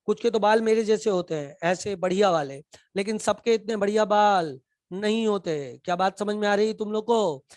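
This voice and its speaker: A man teaching a live class, shouting and teasing as he quizzes his students in a colloquial way. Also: sits high, normal speed, no echo, studio quality.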